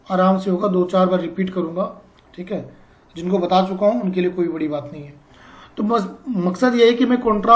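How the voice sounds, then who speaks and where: High-voiced male teacher, echoey room. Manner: explains slowly, repeats and checks with "ठीक है?". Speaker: accounting teacher. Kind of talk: classroom lecture. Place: classroom.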